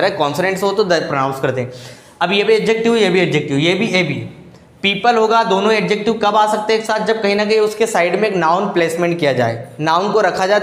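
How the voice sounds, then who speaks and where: A man teaching English grammar in a classroom lecture style, mixing English words into his Hindi and asking questions that he then answers himself. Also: high-pitched. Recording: echoey room.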